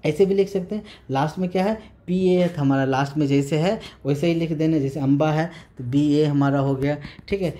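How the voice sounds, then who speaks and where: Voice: mid-range voice, fairly quick, hardly any pauses, dark tone. A teacher explaining a lesson patiently. They repeat points, check in often with the class, and hesitate and restart a lot. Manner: patient, repetitive, checks in with "right?"; hesitant with many fillers and restarts.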